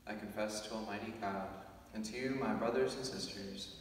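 A man leading Mass as priest, reciting set prayers in a measured, steady way into a church microphone. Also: lowish voice. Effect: speaking into a church microphone, amplified through the church. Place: large church. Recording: echoey church from a distance, faint hum.

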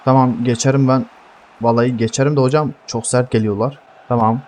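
A young man giving heated live gameplay commentary, swearing constantly and yelling at his teammates. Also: medium pitch, steady tone, fairly quick, slight background noise. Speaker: gaming streamer.

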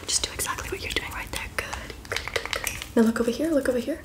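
Young woman playing upbeat stylist gal, fast asmr whispered role-play, close up, kinda high voice, says little phrases over and over. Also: lightly acted. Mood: upbeat, encouraging. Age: 20s. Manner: fast ASMR delivery with repeated short phrases. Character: brisk, encouraging female makeup artist, photographer and spa worker. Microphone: close, facing the camera.

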